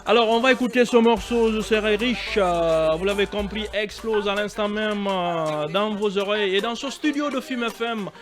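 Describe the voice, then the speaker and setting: Upbeat male radio host with a high voice, eager questions, faint music under the talk. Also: normal speed, few pauses. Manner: lively presenter, many backchannel hums. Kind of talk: radio studio interview.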